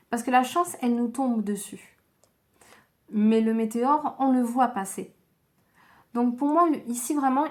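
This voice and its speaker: A tarot card reader, a woman, gives her viewers a slow and gentle reading. She sounds tired and low on energy, hesitating often.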